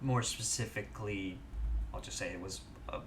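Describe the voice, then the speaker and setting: A man narrating as game master of a tabletop game, halting, with frequent restarts and easy chuckles. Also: on the low side, a little hiss or hum. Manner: halting, many fillers and restarts, relaxed chuckles.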